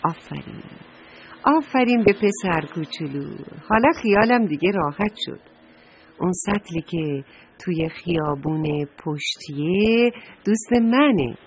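A woman's voice: lowish voice, lively intonation, natural voice. A woman voicing a worried talking blue trash can in a children's story, speaking emphatically with many hesitations. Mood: relieved.

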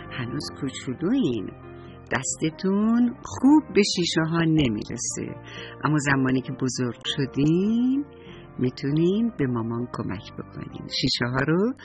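A man gently narrating a children's bedtime story and speaking tenderly to the little listeners. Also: a little high. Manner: tender, soothing, addresses children.

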